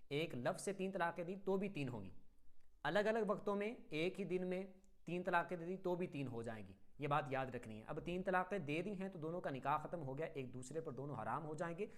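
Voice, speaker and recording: A man's voice: on the high side, lively intonation. A man from Pakistan giving a religious lesson as an Islamic teacher, firm and methodical, running through example phrases one after another. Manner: firm, instructive.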